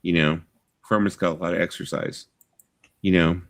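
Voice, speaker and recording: A man's voice: low voice, fairly even intonation, normal speed, no room sound. A man in his fifties hosting a live stream, rambling casually, swearing freely and filling his talk with you-knows. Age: 50s. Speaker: livestream host.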